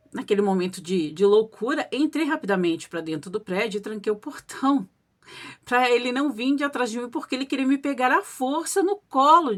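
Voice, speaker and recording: A woman's voice: a little high, fairly bright tone. A woman narrating a supernatural account in the first person, chatting directly to her listeners. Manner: conversational, addresses listeners directly. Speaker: storyteller reading listener accounts.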